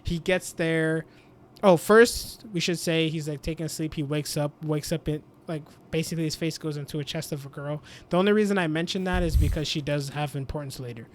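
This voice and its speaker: A man's voice: fairly high pitch, brisk, few pauses, slight background noise. A young man hosting a casual podcast, rambling through a recap with lots of "like" and "basically". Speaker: podcast host. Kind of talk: casual chat.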